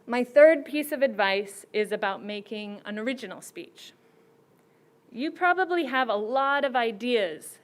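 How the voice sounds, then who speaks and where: A woman judge giving prepared, teacherly advice to students in a slow and deliberate way. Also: mid-range voice.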